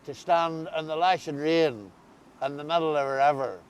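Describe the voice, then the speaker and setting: Male interviewer, Ulster accent, slightly high voice, conversational, outdoors, faint rumbling background noise. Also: normal speed. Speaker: interviewer, host. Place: outdoors beside a river.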